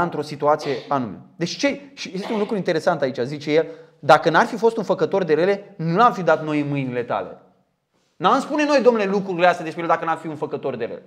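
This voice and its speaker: A man preaching a sermon, emphatic, asking rhetorical questions and acting out the people he quotes. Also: high-pitched.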